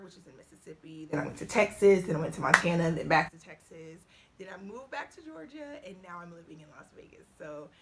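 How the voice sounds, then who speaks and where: Thirties woman vlogger, slightly low voice, talks casually and animatedly with lots of laughs and playful asides. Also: slight background noise. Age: 30s. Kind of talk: casual get-to-know-me chat.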